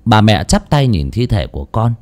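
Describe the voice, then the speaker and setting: A man narrating a first-person ghost story as an audiobook, telling it expressively with dramatic pauses. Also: on the low side, very animated, darkish tone.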